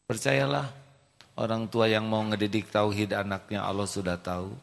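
A male preacher telling a story in a sermon, slowly and vividly acting out the characters. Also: fairly low pitch, flat delivery, vocal fry. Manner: slow storytelling, acts out voices. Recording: reverberant hall.

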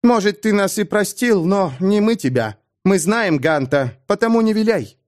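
A grim young warrior speaks in measured, formal sentences, as a male narrator voices him. His pitch rises and falls with life while his delivery stays controlled. The sound is a plain storybook reading. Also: lively intonation, a little mellow, dry recording, clean studio sound. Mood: grim accusing. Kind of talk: audiobook character voice.

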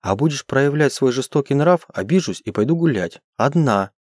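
A man reading an audiobook, giving the quoted lines of a shy young wife in a soft, murmuring way. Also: mid-range voice, lively intonation, normal speed, no room sound, clean studio sound, voice pushed up, lightly acted. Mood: quiet.

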